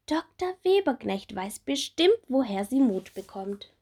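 A woman's voice: very animated, unhurried, a little mellow, husky, heavily acted. A woman voicing a little bumblebee girl who is timid and full of wondering questions, in a storybook. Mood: wondering eager. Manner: high, eager, questioning.

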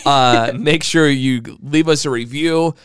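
A man's voice: mid-range voice, unhurried, smooth, no echo, studio quality. A man, co-hosting a podcast in casual, joking chat. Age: 20s. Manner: joking, teasing. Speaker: podcast co-host.

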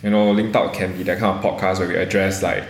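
A man's voice: sits low, level tone, fast, gravelly, a little hiss or hum. A young adult Singaporean man co-hosting a podcast, chatting casually in colloquial Singlish. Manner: Singlish, colloquial particles and clipped grammar. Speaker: podcast co-host. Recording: roomy, echoey sound.

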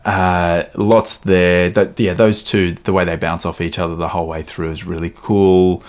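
A man co-hosting a podcast, chatting excitedly about favourite film moments and laughing often. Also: low-pitched, normal speed. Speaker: podcast co-host. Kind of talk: casual film review chat.

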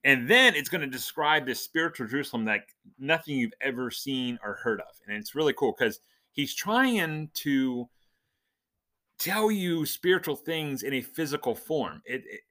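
With a bright, forceful, medium-pitched voice full of big pitch swings, a man teaches an informal Bible lesson on his podcast at a moderate pace. He's conversational and explanatory, asking questions and then answering them.

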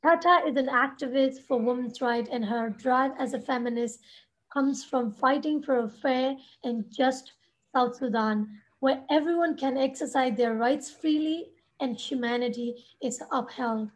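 A woman's voice: high voice, a little slow. A woman hosting a podcast interview, chatty and full of filler words. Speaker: podcast host. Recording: dull lo-fi audio.

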